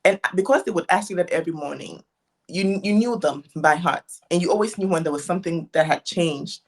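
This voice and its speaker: A woman's voice: on the low side, a little fast. Young woman, interview guest, reflective, restarts often. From Ghana. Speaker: guest content creator. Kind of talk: casual interview chat.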